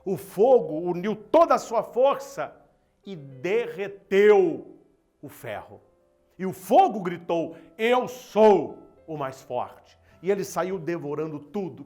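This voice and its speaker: Slow dramatic Brazilian priest. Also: male voice, high-pitched, expressive, a little mellow, soft background music. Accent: Brazilian Portuguese. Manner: slow, dramatic, emphatic storytelling. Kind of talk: Easter sermon with a spoken parable.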